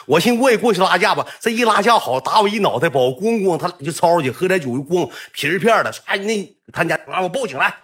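Fast, animated Northeastern Mandarin man. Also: high-pitched. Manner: animated, rambling, swears freely. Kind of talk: casual storytelling.

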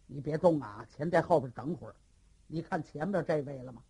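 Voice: mid-range voice, warm tone, breathy edge, voice pushed down. A storyteller doing a stammering dim giant warrior. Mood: dim eager. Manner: stammering, slow-witted. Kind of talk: traditional storytelling.

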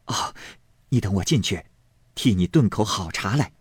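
A middle-aged cook from an old storybook household, voiced by a man, soft and coaxing. She fawns and flatters in a low, husky tone close to the reader's own. Dry sound. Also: normal speed, no echo. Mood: fawning. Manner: ingratiating, soft-spoken. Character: middle-aged kitchen woman, fawning and eager to please.

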